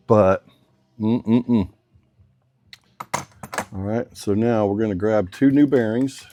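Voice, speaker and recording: A man's voice: lowish voice, a little mellow. A man working as a motorcycle mechanic who talks through a hands-on workshop demonstration in casual, drawling shop talk with slang.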